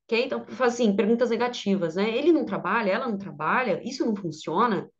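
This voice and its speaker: A woman English teacher with a Brazilian Portuguese accent giving an online grammar lesson, slowing down to model example sentences. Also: on the high side, expressive, dull audio.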